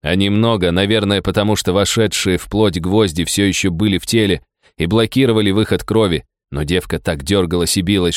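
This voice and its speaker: A man narrating a first-person audiobook story in a steady, even storytelling manner. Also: lowish voice, dry recording, studio quality.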